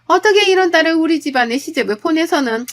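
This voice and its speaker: A woman voicing a nagging older mother-in-law who scolds loudly in a raised, high voice. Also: lively intonation, fast. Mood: scolding.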